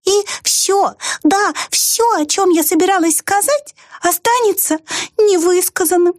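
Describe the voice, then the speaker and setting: A woman voicing a tiny, solemn, wistful female mouse in a storybook reading, speaking slowly in a high, drawn-out way. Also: no echo, studio quality. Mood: sad. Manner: slow, high, drawn-out speech.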